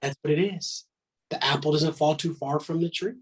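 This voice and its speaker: In a casual podcast conversation, a man in his 30s appears as a guest, talking in a blunt, emphatic way with curses and repeated "man." He has a fairly high, breathy voice and speaks flatly at normal speed, and the audio is poor.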